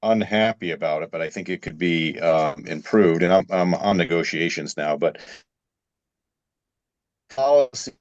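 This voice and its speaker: Very low-voiced man on a glitchy, cutting-out call line, dry sound. A board member speaks haltingly, with many fillers and restarts. He talks through a phone on a video call. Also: no room sound, highs cut off. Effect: glitchy, cutting-out call audio. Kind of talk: remote board meeting discussion.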